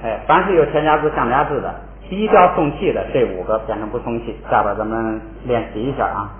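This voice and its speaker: A man's voice: mid-range voice, quick pace. A male language teacher giving a recorded spelling lesson, patiently repeating syllables for students to read along. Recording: tinny, echoey, lo-fi recording with faint hiss.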